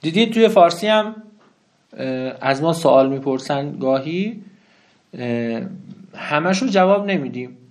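A man teaching a grammar lesson, explaining step by step and often asking the listener questions. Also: long pauses. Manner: lively, swinging pitch.

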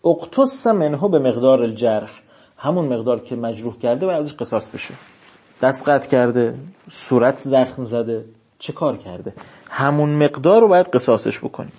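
Husky-voiced man teaching a seminary lecture. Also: mid-range voice, expressive, dark tone, muffled recording. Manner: reads out classical text slowly, then explains it in casual speech. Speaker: religious law teacher.

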